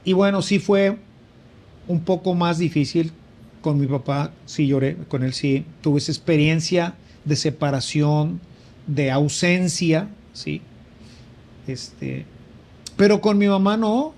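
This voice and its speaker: A man's voice: on the high side, takes it slowly, darkish tone. A man, a priest sharing a conversational spiritual reflection and rising for emphasis. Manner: reflective, with frequent fillers and emphatic rises.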